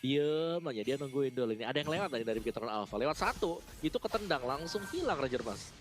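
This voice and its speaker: A man's voice: mid-range voice, expressive, fast, soft background music. A man with an Indonesian accent giving analytical commentary on a video game match as a co-caster.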